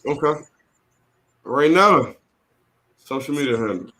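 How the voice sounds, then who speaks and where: A man hosting a casual podcast with friends, his voice sitting a touch high for a man. He talks in a laid-back, loose way, swears freely and breaks into laughter often. A faint hiss sits under the recording. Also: lively intonation, slow pace, bright, forceful tone, low-quality recording. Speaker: podcast host. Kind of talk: casual group chat.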